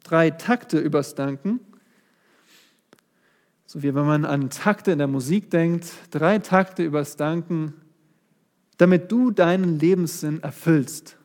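Slow and marked by long pauses, a man with a fairly high, darkish voice delivers a sermon that includes a psalm reading. He speaks to the congregation directly, pushing his voice up on key words.

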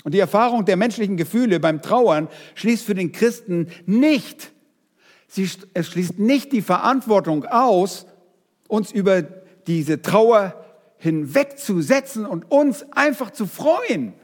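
A man preaching a sermon, speaking straight to his congregation in a lively way. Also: sits high, unhurried, in a large hall. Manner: lively, addresses the congregation directly.

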